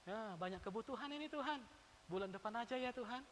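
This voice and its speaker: A woman preacher voicing a churchgoer who wheedles and pleads with God, making excuses in a softer voice. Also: on the high side, expressive, fast talker, slight background noise, pitched below the performer's own voice, close to an everyday voice. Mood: wheedling. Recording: long church-hall reverb.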